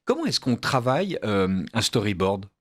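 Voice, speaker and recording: Lower-voiced male radio host. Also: huge pitch swings, moderate pace, no room sound, clean studio sound. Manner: long wandering questions with fillers. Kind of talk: radio interview questions.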